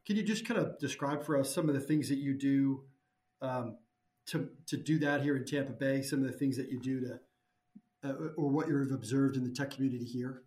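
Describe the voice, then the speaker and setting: A man co-hosting an interview, asking polite, measured questions. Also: mid-range voice, a little mellow. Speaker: podcast co-host. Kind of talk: casual interview. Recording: roomy echo.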